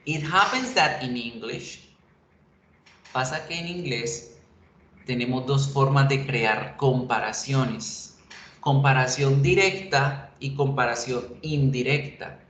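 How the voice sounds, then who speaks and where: Slow, patient male English teacher. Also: medium pitch, a bit bright. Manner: patient, explains slowly and repeats examples. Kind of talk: bilingual online class lecture. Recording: echoey room with faint noise.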